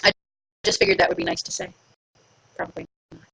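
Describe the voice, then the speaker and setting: A woman hosts a live stream from home, chatting casually with her viewers and playfully poking fun at herself. She talks fast with a sharp tone, and the recording quality is low.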